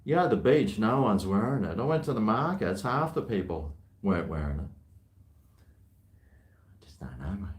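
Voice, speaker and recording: A man's voice: lowish voice, very animated, a little fast, hardly any pauses. An Australian man filming a casual vlog at home on a handheld camera, rambling and muttering to himself. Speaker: vlogger. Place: at home, large empty house.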